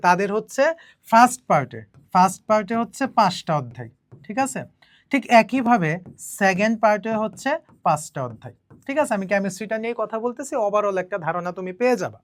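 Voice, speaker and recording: A woman chemistry teacher with a Bangladeshi Bengali accent, giving an exam-prep lesson slowly and deliberately, often repeating herself and checking in with students. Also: medium pitch, lively intonation, no echo, clean studio sound.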